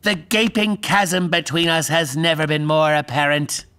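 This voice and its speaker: A man's voice: a little high, steady tone, unhurried, bright, forceful tone, smooth. A man voicing a pompous, pedantic nerdy dog inventor in a cartoon. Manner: pedantic, wordy.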